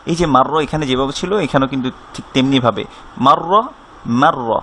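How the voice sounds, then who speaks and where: A man teaching a recitation lesson, patiently repeating syllables slowly so listeners can copy the sound. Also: mid-range voice, a bit bright, slight background noise. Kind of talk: online tajweed lesson.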